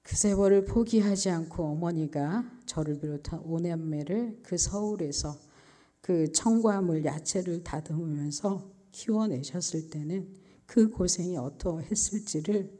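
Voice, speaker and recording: A woman in her fifties gives a personal testimony as a missionary, speaking earnestly and with deep emotion. Her voice sits very low and sounds dark and mellow. She often drops to a soft near-whisper. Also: measured pace. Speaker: missionary and social worker.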